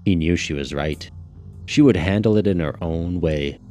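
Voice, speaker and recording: Male narrator, very low voice, measured audiobook read, faint music under. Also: dark tone. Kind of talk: scripted narration.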